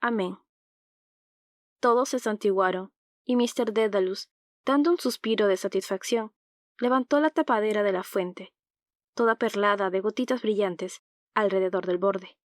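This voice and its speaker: A woman narrating an audiobook in a calm, even reading voice, close to the mic. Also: medium pitch, normal speed, no room sound.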